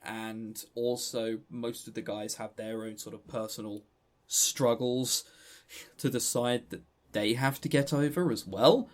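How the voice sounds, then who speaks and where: This Englishman co-hosts a podcast, speaking a little slowly in a mid-range voice with fairly even intonation. His casual discussion and review rambles along, and he stammers through repeated words.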